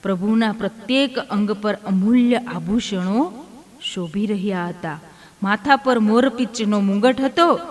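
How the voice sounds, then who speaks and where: A woman narrating a devotional tale, speaking every character's lines herself. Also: medium pitch. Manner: voices each character in turn within the tale. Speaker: storyteller. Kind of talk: devotional storytelling. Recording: long hall reverb.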